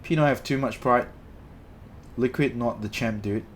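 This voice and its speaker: A young Malaysian streamer with a mid-range voice and a moderate pace responds to his chat in a casual, rambling way, often correcting himself. A little hiss or hum can be heard in the recording.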